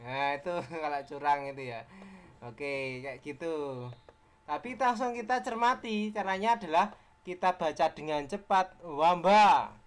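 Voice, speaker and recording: A man's voice: a little high, a little slow. A man with an Indonesian accent teaching an exam-prep lesson, explaining step by step, quizzing his students and repeating key words.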